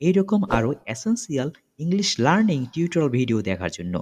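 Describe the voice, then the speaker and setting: A man with a fairly high, animated voice leads an English lesson. He explains each example step by step and keeps checking in with his listeners. The sound rings with a long reverb. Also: fast talker. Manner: lively, repeats examples with check-in questions. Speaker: English teacher.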